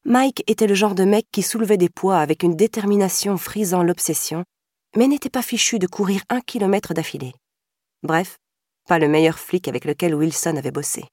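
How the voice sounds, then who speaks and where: A woman reading a crime novel aloud in a measured, scripted narration. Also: on the low side, a little mellow, no room sound, clean studio sound. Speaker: audiobook narrator.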